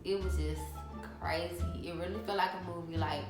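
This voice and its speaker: A woman's voice: fairly low pitch, brisk, music in the background. Chatty young woman, echoey room. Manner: animated, chatty, addresses viewers as y'all. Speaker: vlogger. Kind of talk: casual storytelling to camera.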